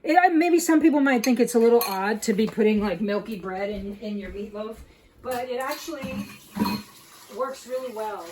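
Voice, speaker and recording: The low-quality recording carries a little hiss or hum behind a middle-aged home cook's fairly high, darkish voice at normal speed. Demonstrating a recipe in her home kitchen, she explains every step casually and chattily, full of fillers.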